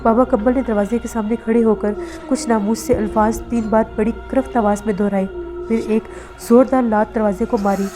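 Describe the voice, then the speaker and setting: A woman narrating a horror novel in a steady, dramatic storytelling manner. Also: a little high. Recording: faint background music.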